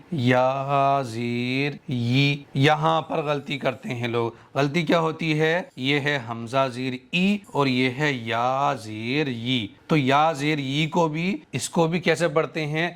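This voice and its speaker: Man, Urdu accent, Quran teacher, smooth clear voice, slow syllable drills. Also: medium pitch, a bit bright. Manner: slow drawn-out letter drills between quick explanations. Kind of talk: spoken tajweed lesson.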